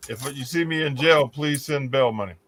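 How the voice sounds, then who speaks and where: A man's voice: medium pitch, moderate pace, a crowd in the background. A man hosting a casual chat over a video call. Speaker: show host. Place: indoor room on a video call.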